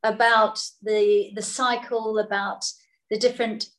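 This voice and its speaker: A woman's voice: medium pitch, level tone, unhurried, rough recording. Effusive woman hosting a chat. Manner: effusive, emotional. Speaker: host. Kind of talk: casual chat. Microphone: phone.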